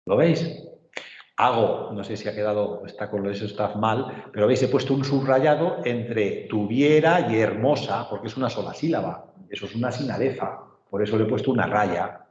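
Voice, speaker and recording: A man teaches literature to an online class at a moderate pace, his lowish voice a little mellow. He explains patiently and checks comprehension with frequent tag questions, while the recording sounds echoey, roomy and dull.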